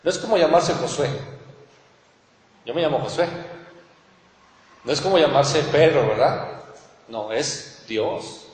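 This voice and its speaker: A man's voice: fairly high pitch, slow pace, long pauses. A man with a Mexican accent preaching a sermon as pastor, earnestly asking his listeners rhetorical questions. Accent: Mexican Spanish. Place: church hall. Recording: echoey church hall with long reverb.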